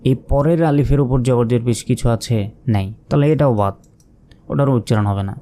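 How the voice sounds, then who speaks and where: Male teacher, mellow low-brightness voice, patient step-by-step lesson delivery, slow drawn-out recitation. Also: slight background noise. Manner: patient, asks questions and answers them himself; drawls out recited syllables slowly. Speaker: Quran reading teacher.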